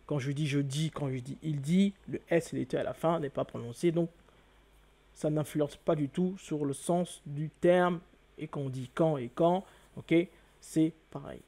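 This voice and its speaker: A man's voice: a little high, unhurried, gravelly, dark tone. A man hosting an online lesson, talking the viewer through step by step. He repeats key words and exclaims often. He keeps asking the listener questions and answering them himself. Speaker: channel host teaching hieroglyphs. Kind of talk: video lesson.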